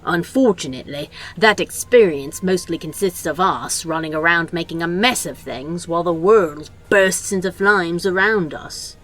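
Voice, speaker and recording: Lady doing a bossy demon guy, low and dry, always telling someone off, fan audio play. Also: normal speed, hardly any pauses, a bit bright. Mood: exasperated. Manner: dry, exasperated, scolding. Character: sardonic bossy male demon, worldly.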